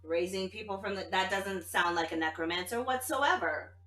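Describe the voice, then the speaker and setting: A woman's voice: medium pitch, moderate pace, pushed and bright, far from the mic. A woman playing a tabletop game, improvising casually in a blunt, challenging way. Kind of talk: casual improvised role-play chat. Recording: echoey room.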